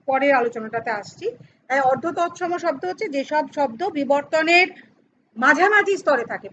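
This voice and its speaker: A woman's voice: high voice, a bit bright, dull audio, slight background noise. A middle-aged woman teaching a grammar lesson to students, explaining step by step and asking and answering her own questions. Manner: addresses students informally, teasing aside.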